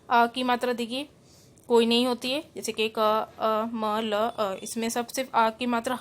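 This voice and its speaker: A woman, a school Hindi teacher giving an online class, who explains each rule and then repeats it in simpler words, mixing in English terms. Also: on the high side. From India.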